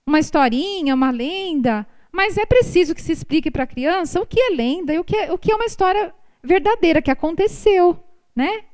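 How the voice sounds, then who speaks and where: High-voiced Brazilian woman telling church stories. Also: fairly quick. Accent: Brazilian Portuguese. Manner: animated storytelling, tag questions after every point. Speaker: speaker at a prayer group. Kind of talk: religious talk with storytelling. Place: prayer group meeting room. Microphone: microphone recorded for an online stream.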